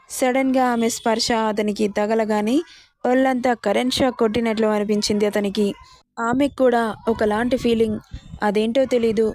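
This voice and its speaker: A woman reading a romance story aloud as its narrator, at a steady, plain pace. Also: on the high side.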